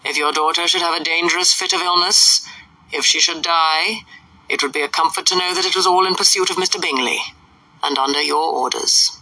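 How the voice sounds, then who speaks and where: A woman voicing a dry, sardonic older gentleman who speaks in a measured, mocking way. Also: low-pitched, breathy edge, dry recording, far from the mic, heavily acted, poor audio.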